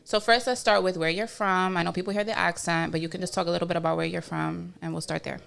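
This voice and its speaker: A woman in her thirties hosting a podcast in casual chat, agreeable and quick with affirming murmurs. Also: lowish voice, steady tone, gravelly, fairly bright tone. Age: 30s. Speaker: podcast host.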